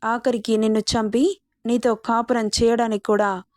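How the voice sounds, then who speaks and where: A cold, arrogant young man who threatens without raising his voice, as a woman narrator reads him out. The voice sits a little high and sounds close and dry. It is a storybook reading. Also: little pitch movement, normal speed, a little mellow, dry recording, close to an everyday voice. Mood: cold, menacing. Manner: menacing, dismissive.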